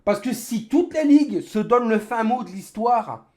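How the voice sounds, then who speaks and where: A man's voice: very high voice, expressive, normal speed, a little mellow. A man livestreaming an angry gamer rant, indignant and sarcastic, hammering phrases with emphatic repetition. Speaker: livestreamer, sim racing gamer.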